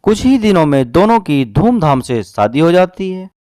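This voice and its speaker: Expressive male storybook narrator. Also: a little high, normal speed, dry recording, studio quality.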